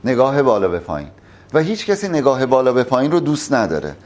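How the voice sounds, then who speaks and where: Animated man coaching an audience. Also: medium pitch. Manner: animated, emphatic, addresses audience directly. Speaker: public speaking instructor. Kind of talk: live workshop teaching.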